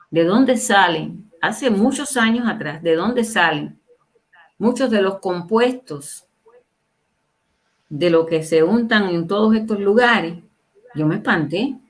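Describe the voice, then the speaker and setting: Emphatic woman in her sixties. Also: medium pitch. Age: 60s. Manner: emphatic, asks the audience rhetorical questions. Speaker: guest on a livestream interview. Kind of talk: casual opinionated talk.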